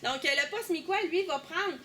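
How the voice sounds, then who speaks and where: A young woman with a Québécois accent guiding a tour group through an underground power station, lively, asking questions and teasing. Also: extremely high pitch, normal speed, slight background noise. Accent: Québécois French. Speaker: tour guide. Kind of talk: guided tour explanation.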